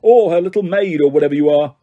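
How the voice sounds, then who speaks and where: A man doing a loud pompous desk sergeant. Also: fairly high pitch, fast, narrow, tinny audio, close to an everyday voice. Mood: stern. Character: gruff bullying middle-aged male desk sergeant.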